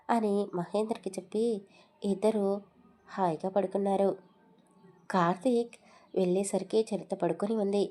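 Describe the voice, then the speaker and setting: A woman with a Telugu accent tells a romantic audio story at a mid pitch. Her tone is mellow and warm. She voices every character's dialogue herself. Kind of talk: scripted audio story narration.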